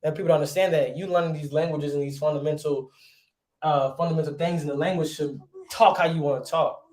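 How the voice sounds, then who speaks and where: A man's voice: a little high, steady tone, fast talker, darkish tone. Man teaching a casual class. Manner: conversational, asks rhetorical questions often. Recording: roomy echo.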